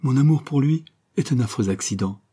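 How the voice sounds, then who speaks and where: A man's voice: mid-range voice, animated, brisk, warm tone, husky, pitched above the performer's own voice. A man reading an audiobook voices a young woman torn by love, with a trembling, plaintive delivery. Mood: earnest.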